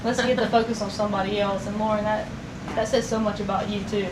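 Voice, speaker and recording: A woman's voice: medium pitch, level tone, fast talker. A woman relief organizer thanking a volunteer family, speaking earnestly and from the heart. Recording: echoey, distant, noisy.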